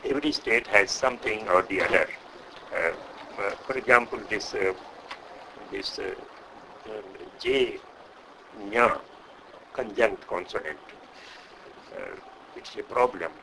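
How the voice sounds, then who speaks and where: Older scholar, Indian English accent, lowish bright voice, hesitant and professorial. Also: male voice, slight background noise, poor audio. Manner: measured, hesitant with frequent uh, lecturing. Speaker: Sanskrit scholar. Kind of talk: interview answer.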